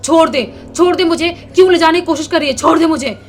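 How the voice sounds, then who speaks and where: A woman's voice: very high voice, fast talker, faint music behind, pitched above the performer's own voice. A woman voicing a terrified young wife haunted by a jinn, pleading frantically in a raised voice. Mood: frantic screaming. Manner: frantic screaming pleas.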